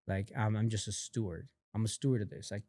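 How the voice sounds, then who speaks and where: A man guesting on a podcast, telling a personal story in a casual, animated way, acting out what others said, with lots of fillers. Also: fairly low pitch, a little fast, dry recording. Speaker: podcast guest, company founder.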